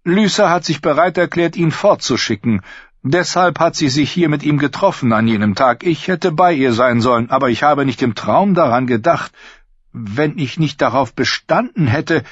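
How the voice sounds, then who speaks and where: A man voicing a smooth, scheming lord who talks gently and persuasively in a storybook reading. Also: a little high, lively intonation, normal speed, no echo, lo-fi sound, pitched above the performer's own voice. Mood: tender. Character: smooth, scheming middle-aged lord, soft-spoken.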